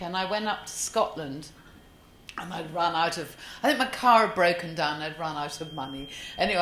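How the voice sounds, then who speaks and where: A woman's voice: lowish voice, a little hiss or hum. An older woman telling chatty, laughing anecdotes as a panelist at a fan convention. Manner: chatty, laughing, lively storyteller. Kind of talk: casual anecdotes on stage. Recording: echoey hall, faint ambience.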